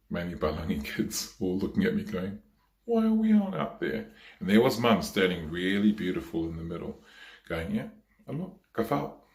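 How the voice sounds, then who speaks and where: A man giving a eulogy for his mother at a memorial service, talking slowly and haltingly with many pauses and fillers. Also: deep voice, roomy sound.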